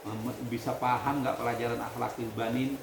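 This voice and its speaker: A man leading a religious lesson for students, reading Arabic text, explaining it and quizzing his class in a lively way. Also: medium pitch, normal speed, creaky. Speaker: pesantren leader teaching students. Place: hall at a pesantren. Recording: echoey room with background noise.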